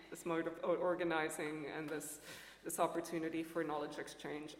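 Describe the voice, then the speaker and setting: Woman academic panelist, lower voice, earnest and scholarly, long hall reverb. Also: a little hiss or hum. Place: large lecture hall. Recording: echoey hall.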